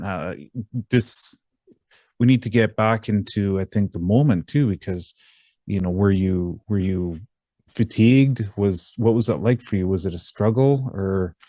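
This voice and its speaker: Interview host, man, mellow and low, rambling questions, dry sound. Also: measured pace, dry recording. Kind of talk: casual interview.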